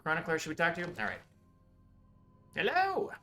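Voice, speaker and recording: A man's voice: on the high side, expressive, very fast, pushed and bright, faint music behind. A man leading a casual gameplay chat on a stream, upbeat and thinking aloud as he plays. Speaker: game studio head playing on a stream.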